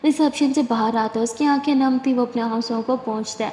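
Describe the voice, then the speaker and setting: A woman storyteller chatting her way through a romance episode, filling gaps with casual asides. Her voice sits a little high for a woman. The room is echoey, with a long reverb trailing each sentence. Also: fairly even intonation, dark tone. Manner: conversational and chatty, with fillers. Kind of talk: casual retelling of a serial love story.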